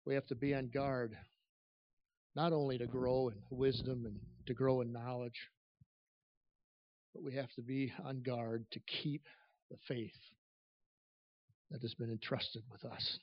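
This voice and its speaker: A man preaching a church sermon at a pulpit microphone, earnest and emphatic, speaking in halting phrases that swell and drop in volume. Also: mid-range voice, flat delivery. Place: large church room. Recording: echoey church PA, slightly dull.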